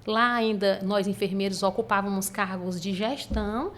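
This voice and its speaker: A woman nurse, telling her career story in an interview in a calm, smooth, measured way. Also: mid-range voice. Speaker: stomatherapy nurse guest.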